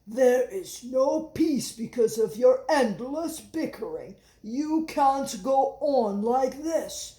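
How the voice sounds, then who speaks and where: A woman voicing a large male toad in a storybook, weary and scolding, with drawn-out, emphatic complaints. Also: high voice, expressive, dark tone, echoey room.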